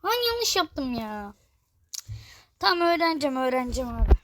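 A woman narrates her own gameplay to her viewers in a high, bright voice. She is excitable and swears in jest when she gets exasperated. The sound is dry and close. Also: a little fast, dry recording. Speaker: gaming video creator. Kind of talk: live gameplay commentary.

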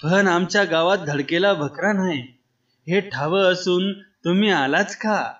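A man narrating an audiobook story voices an arrogant village headman who speaks angrily but in a low voice. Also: unhurried, fairly bright tone. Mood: sullen. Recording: dull lo-fi.

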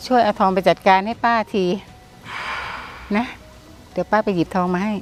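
A woman playing a trusting older aunt who speaks softly in a short film. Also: mid-range voice, normal speed, natural voice. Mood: hesitant. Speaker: aunt who was cheated. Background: music.

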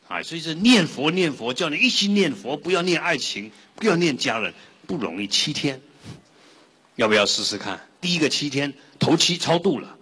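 Lively husky-voiced monk preaching. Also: male voice, mid-range voice. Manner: lively and rhetorical, asks the audience questions. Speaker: Buddhist monk giving a dharma talk. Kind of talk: sermon with storytelling. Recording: reverberant hall.

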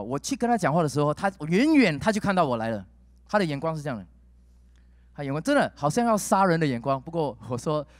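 Guy preaching, kinda high voice, tells stories all animated, mixes in english words. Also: no echo. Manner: lively storytelling with wide pitch swings, tossing in English words. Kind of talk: sermon with personal storytelling.

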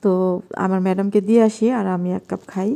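Casting a Bangladeshi woman vlogger with a hushed night-time kitchen voice, very warm and dark. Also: mid-range voice, flat delivery, fast talker, vocal fry. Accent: Bangladeshi Bengali. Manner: talking softly and quietly at night. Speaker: vlogger cooking at home. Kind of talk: casual cooking vlog narration.

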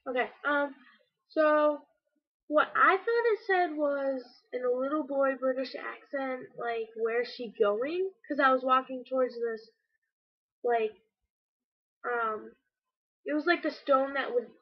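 A woman's voice: high voice, slow pace, long pauses, slightly rough. A teenage girl vlogging casually, rambling with lots of fillers about an old recording. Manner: rambling, filler-heavy, self-deprecating. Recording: dull lo-fi webcam audio.

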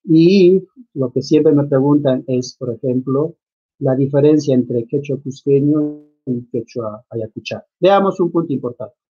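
A man's voice: mid-range voice, a little slow, mellow. A man giving a virtual conference lecture, explaining examples step by step and ending points with a questioning tag. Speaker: lecturer on the Quechua language. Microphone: video call. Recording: dull lo-fi video call audio.

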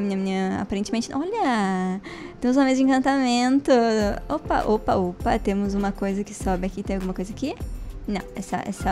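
A young Brazilian woman chatting playfully through a Minecraft let's play, talking to viewers and game characters with sudden high squeals. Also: a little mellow. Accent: Brazilian Portuguese. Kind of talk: casual gameplay commentary.

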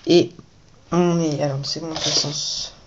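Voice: mid-range voice, little pitch movement, a little slow, dull audio, noisy background. A toy reviewer giving casual commentary while building a set at home at night, chatty and repeating the same praise.

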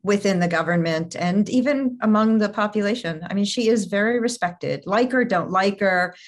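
A woman's voice: medium pitch, moderate pace. A woman hosting a morning TV segment, playful and curious, asking follow-up questions in casual chat. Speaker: morning TV host.

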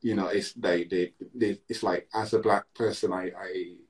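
A deep, low-voiced man from Britain talks things through slowly on a video call from a room at home. He circles back and restarts his thoughts, filling gaps with "you know" as he works out each point. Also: fairly even intonation. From Britain, Barbadian heritage. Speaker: interview guest, musician. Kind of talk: reflective conversation.

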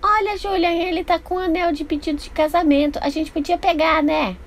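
Woman doing a pushy high little girl. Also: fairly even intonation, fairly quick. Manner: pushy, chatty. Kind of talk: toy doll soap opera voicing.

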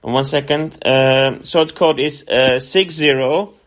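A man's voice: medium pitch, takes it slowly, fairly bright tone. A man on a phone call who sounds naive and compliant, hesitant and apologetic, repeating things back. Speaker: scambaiter playing along with a phone scammer.

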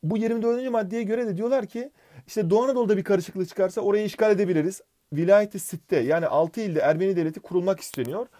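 A man's voice: high voice, mellow. A young man teaching an exam-prep history lesson in a joking, chatty way, bantering with his student. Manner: fast, joking, addresses sidekick by name.

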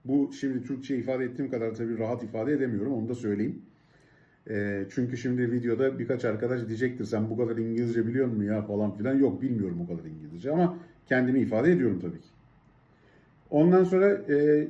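A man's voice: mid-range voice, fast talker, mellow. A man from Turkey telling a frustrating story to camera in a worked-up vlog rant, constantly breaking in with "I said" and "she said". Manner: worked-up, keeps inserting "I said" and "she said". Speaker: vlogger living abroad. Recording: echoey room.

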